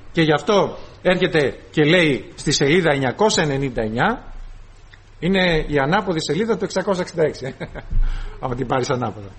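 A man's voice: sits high, a bit bright. A man preaching a sermon to his congregation, calling them brothers and acting out short dialogues with the flesh.

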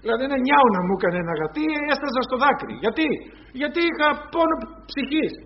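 A man's voice: very high voice, sing-song, lo-fi sound. A man preaching a sermon, retelling scenes in quoted voices and calling his listeners brothers.

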